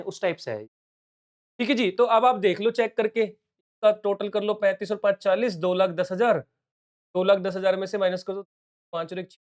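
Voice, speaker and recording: A male commerce teacher explaining exam questions step by step, working sums aloud and mixing English terms into his talk. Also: high-pitched. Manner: explains step by step, calls viewers "beta" and "bachche". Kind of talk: solving exam questions on a live stream.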